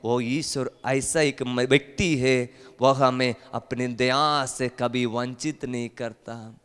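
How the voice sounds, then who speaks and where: A man's voice: mid-range voice, fairly even intonation, slow pace, smooth, in a large hall. A male priest, preaching a rousing sermon at a family retreat and urging the crowd to call out hallelujah. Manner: rousing, calls for hallelujah, rises to loud emphatic peaks. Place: large hall at a retreat.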